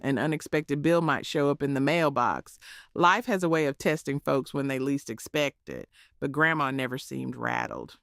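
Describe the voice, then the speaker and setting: A woman's voice: low voice, no echo, clean studio sound. A woman with a Southern US accent narrating in a homespun, preachy storytelling manner, as if passing on cooking wisdom from a script. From southern United States.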